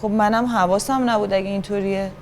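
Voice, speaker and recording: A woman's voice: medium pitch, fairly even intonation, a little mellow, a little hiss or hum, natural voice. A woman playing a stubborn, unapologetic brother who teases and argues back in an improvised acting scene. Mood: defiant. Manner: taunting, stubborn back-and-forth. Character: defiant teasing brother, unapologetic.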